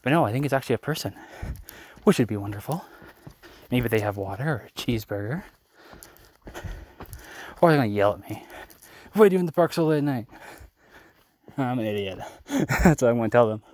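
A man's voice: medium pitch, expressive, brisk, pauses often, a little mellow. A young Canadian man vlogging on a phone while walking a desert trail at night, rambling and mocking himself, tired from the hike. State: tired, a bit out of breath from hiking. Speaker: travel vlogger. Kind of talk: casual night hike vlog. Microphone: phone held while walking.

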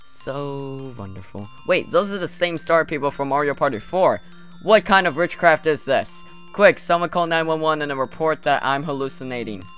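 A man's voice: on the high side, expressive, moderate pace, fairly bright tone. A young man joking and sarcastically commenting as he plays a game. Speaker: let's play commentator. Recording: game music behind.

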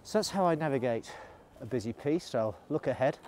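A man's voice: mid-range voice, expressive, brisk, a little mellow, slight background noise. Chatty man on a ski slope. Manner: chatty, rambling asides. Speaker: ski resort vlogger. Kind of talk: casual vlog while skiing. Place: outdoors on a snowy ski slope. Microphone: selfie camera at arm's length.

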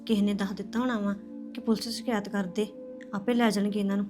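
An actress playing an anxious young daughter who frets and pleads. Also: female voice, medium pitch, little pitch movement, fast talker, over music, natural voice. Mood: worried. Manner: fretful, pleading. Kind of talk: web drama acting.

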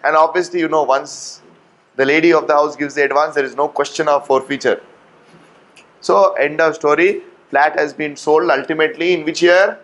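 A man in his thirties with an Indian accent, teaching in an animated storytelling way, repeating phrases and asking rhetorical questions. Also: on the high side, moderate pace, poor audio. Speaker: tax law teacher. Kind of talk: lecture with acted-out anecdotes. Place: indoor classroom at a whiteboard. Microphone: lapel mic.

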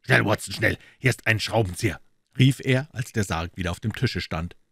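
A man reading an audiobook, voicing an urgent, commanding detective with a brisk delivery. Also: lowish voice, lively intonation, no echo, clean studio sound. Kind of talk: audiobook character voice.

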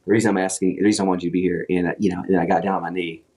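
A man with a low, darkish voice tells a long story very fast in a level tone during casual chat. He rambles with many restarts and acts out quotes from others, in what is a clip played from a podcast.

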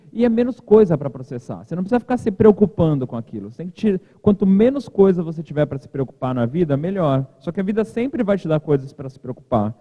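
A man giving a casual, joking keynote at a podium in a large conference hall. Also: a little high. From Brazil. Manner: chatty, informal, joking asides. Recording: reverberant hall, thin lo-fi sound.

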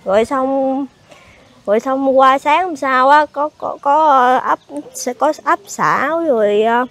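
A pregnant woman with a Southern Vietnamese accent, speaking in a high voice. She answers questions haltingly and stumbles over repeated words. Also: a bit bright. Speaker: fire victim being interviewed. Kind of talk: emotional interview answers.

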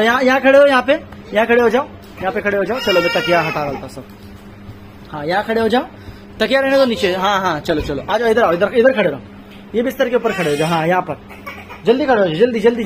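A young man chatting casually in a family vlog, playfully teasing his baby son. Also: high-pitched. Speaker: family vlogger. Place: small home during rain. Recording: noisy phone recording.

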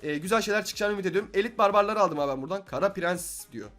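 A young man giving excited gameplay commentary as a gaming YouTuber, swinging between shouting and muttering to himself. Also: high-pitched, racing, faint music behind.

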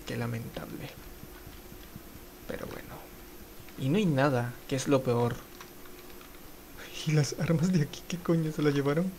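Man, gameplay commentary, excitable, swears a lot, mid-pitched voice, faint noise behind. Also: unhurried, long pauses. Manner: excitable, swears, bursts into panicked shouts. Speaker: mobile game streamer.

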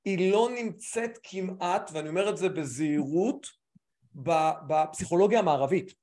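Brief: male host and coach, high-pitched voice, animated, restarts often and repeats for emphasis. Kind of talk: live online talk.

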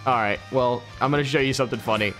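A man's voice: mid-range voice, quick pace, a bit bright, faint music behind. A man casually bantering during a game, playfully teasing his opponent and repeating himself. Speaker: gaming video host playing a battle against a friend.

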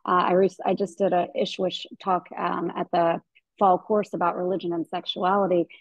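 A woman's voice: on the low side, level tone, moderate pace, no room sound. A woman gynecologist from the American South, speaking as a guest in a webinar interview over a video call, thinking aloud with many fillers and restarts. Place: indoor room at home. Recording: dull dry video call audio.

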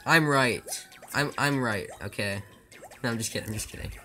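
Bright guy rambling to chat mid speedrun, trips over his words, little game music behind. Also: mid-range voice, moderate pace. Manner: rambling, joking, stammering restarts. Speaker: speedrunner streaming live. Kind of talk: casual live-stream chat with viewers.

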